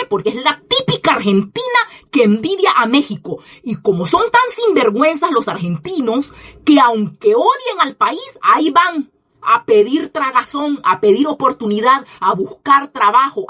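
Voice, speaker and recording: Husky, scornful high-pitched woman ranting. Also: pushed and bright. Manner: indignant, scornful, emphatic repetition. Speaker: commentator. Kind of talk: opinion monologue.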